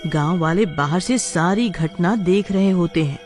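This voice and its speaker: A man's voice: high-pitched, unhurried, a little mellow, faint music behind. A man narrating a cartoon horror story in a plain storytelling manner. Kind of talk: scripted narration.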